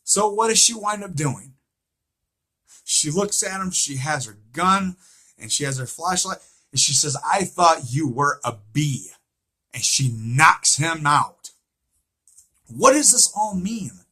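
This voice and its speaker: A man gives an informal fan recap in a forceful, slightly high voice with a rough, husky edge. His intonation is lively but his pace is slow, with long pauses. He's emphatic and repetitive, relying on rhetorical questions throughout.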